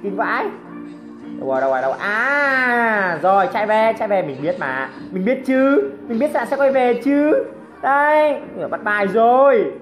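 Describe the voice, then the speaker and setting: Woman yelling and teasing thru her mobile game match, lots of oh my gods, soft music in back. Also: fairly high pitch, big pitch swings, moderate pace. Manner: exclamatory, teasing opponents, frequent cries of surprise. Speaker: gameplay commentator. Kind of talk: excited mobile game commentary.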